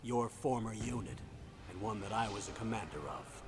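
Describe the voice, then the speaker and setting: A man playing a stern older military commander in a video game, giving a measured, authoritative briefing. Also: on the low side, lively intonation, very noisy, lightly acted. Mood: grave, commanding. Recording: loud music behind game dialogue.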